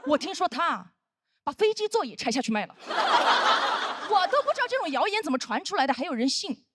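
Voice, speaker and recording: A woman in her thirties tells brash stand-up stories with a punchy edge. Her high voice swings widely from line to line. The live stage recording carries a steady layer of noise. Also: a little fast. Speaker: stand-up comedian. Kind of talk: stand-up comedy routine. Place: comedy stage with audience.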